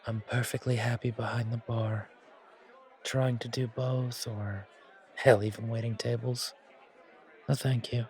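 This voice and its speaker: A man's voice: medium pitch, lightly acted. A man playing a friendly, reassuring bartender in a casual, naturalistic audio roleplay, with a chatty and slightly hesitant delivery. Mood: easygoing, chatty. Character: friendly, reassuring male bartender at a supernatural bar. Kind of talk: casual, naturalistic one-sided roleplay acting. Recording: crowd chatter behind voice. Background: bar crowd chatter.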